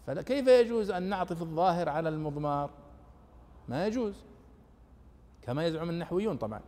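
A man's voice: sits high, darkish tone, long reverb tail. A man giving a classroom lecture on exegesis, asking and answering his own questions.

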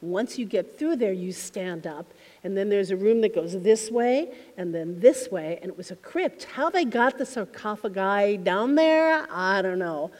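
A woman's voice: mid-range voice, animated, unhurried. Woman minister, reflective spiritual talk to a congregation, long hall reverb. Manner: heartfelt, reflective storytelling with soft trailing phrases. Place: temple hall.

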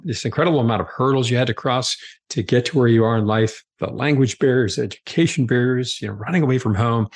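A man hosting a podcast interview, talking enthusiastically with frequent restarts. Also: mid-range voice. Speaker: podcast host.

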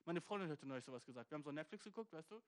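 Slangy young man ranting. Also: racing. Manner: slangy, loose, full of 'Dude' and 'weißt du'; animated, jumps into high pitch for emphasis. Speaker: comedian. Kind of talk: comedy rant monologue.

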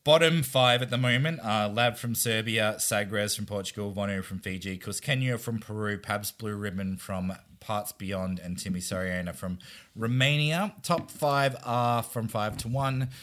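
Bright-voiced man co-hosting a chat. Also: fairly low pitch, normal speed. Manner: relaxed, agreeable, reviewing beers. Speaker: podcast co-host. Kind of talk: casual chat.

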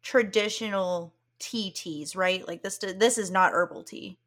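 A woman's voice: mid-range voice, a little slow, a bit bright. Curious joking woman in casual chat. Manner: curious, jokey, asks questions. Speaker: podcast co-host.

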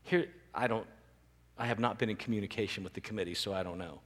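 A male pastor preaching a sermon, animated and rising to emphatic peaks. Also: fairly low pitch, quick pace. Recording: long reverb of a large hall.

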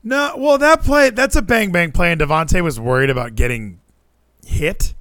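A podcast co-host with a high-sitting, slightly bright voice talks at a normal speed with no echo. He animatedly and casually discusses a football game, with plenty of fillers and swearing.

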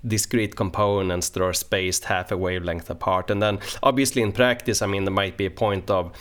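A man hosting a technical podcast, putting long, careful questions in a halting way. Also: low voice, steady tone. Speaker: podcast host.

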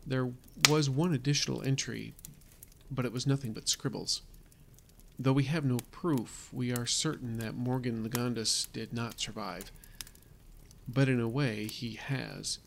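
A man voicing a newspaper reporter who closes the story in a formal, measured, solemn manner. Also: medium pitch, vocal fry, slight background noise. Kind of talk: scripted narration in audio drama.

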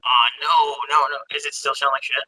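A podcast guest chatting casually and swearing easily over a muffled, underwater-sounding headset mic on a remote call. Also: male voice, medium pitch, little pitch movement, brisk, sharp tone, husky, dry recording. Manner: laid-back, swears casually. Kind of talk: casual chat.

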